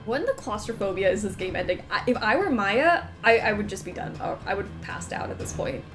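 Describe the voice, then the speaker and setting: A woman's voice: mid-range voice, sing-song, brisk, gravelly, fairly bright tone. A woman giving casual game commentary as a streamer, with wry, joking asides. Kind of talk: casual game commentary with read-aloud game text. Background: game music.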